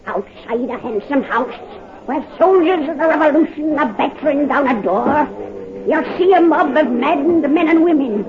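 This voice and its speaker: A woman's voice: sits high, lively intonation, moderate pace, crowd noise. A woman voicing a cackling 103-year-old witch who tells a horror story on a 1930s radio drama, heard through a dull old recording. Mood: gleeful, sinister. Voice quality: cackling, drawling.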